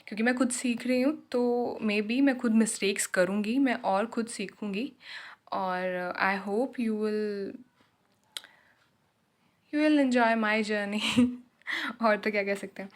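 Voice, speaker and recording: Unhurried woman sharing class notes. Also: medium pitch. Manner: unhurried, switching Hindi and English, self-correcting. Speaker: German learner teaching her class notes. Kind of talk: casual lesson.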